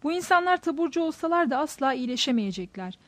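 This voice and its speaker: A woman narrating a literary story in a measured, expressive reading. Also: high voice, no echo.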